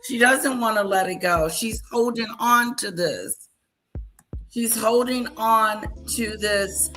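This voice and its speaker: This commentary host, a woman with a fairly high, fairly bright voice, reacts slowly and bluntly to clips, restating her points and imitating other people's words. Faint music plays behind her on a rough recording.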